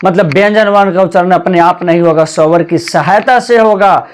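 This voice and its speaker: A man with a fairly high voice teaches a grammar lesson at a board in a classroom. He keeps repeating the key points and asks the class questions that he answers himself. He often calls his viewers "brother". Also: moderate pace, slight background noise. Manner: addresses viewers as "bhai" (brother).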